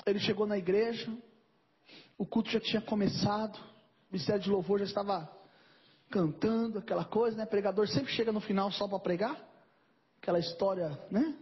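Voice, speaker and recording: A man's voice: high voice, fairly quick, long pauses, slightly rough, muffled recording. A man preaching a sermon as pastor, telling a story and acting out its dialogue.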